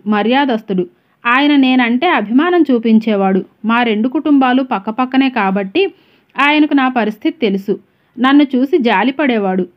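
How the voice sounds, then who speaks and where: A woman voicing a gentle, long-suffering middle-aged housewife who confesses in a sorrowful way. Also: on the high side, lightly acted. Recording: dull lo-fi recording.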